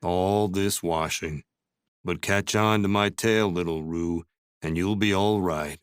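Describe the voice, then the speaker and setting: Eeyore, a deep, gloomy old donkey. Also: male voice, steady tone, smooth, no echo, clean studio sound. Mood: muttering. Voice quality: slow, low, mumbling grumble. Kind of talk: full-cast audiobook acting.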